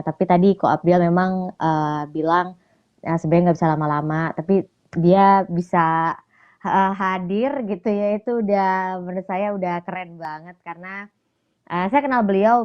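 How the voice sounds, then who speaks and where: A woman's voice: on the low side, dull audio. A woman hosting a casual live stream for a ministry, talking in a chatty, loose way. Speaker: ministry host.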